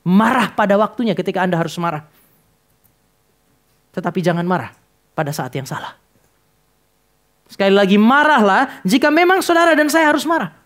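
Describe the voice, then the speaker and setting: In church, a male pastor preaches directly to his congregation, telling stories and acting out their dialogue. His voice is high for a man and fairly bright, and he's animated at a normal speed with frequent pauses.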